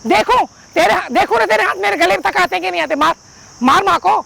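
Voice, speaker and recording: Woman playing a gravelly, shrill greedy mother-in-law. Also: fast talker, fairly bright tone, slight background noise, full character voice. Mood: taunting. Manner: taunting, scolding. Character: greedy scheming middle-aged mother-in-law. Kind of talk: village family drama acting.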